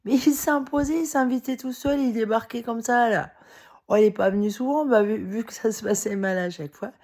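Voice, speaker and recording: This vlogger speaks a little mellow and on the high side, fairly quickly. Exhausted, she rambles heatedly through a casual monologue to camera, scattering fillers, curse words and quick laughs throughout.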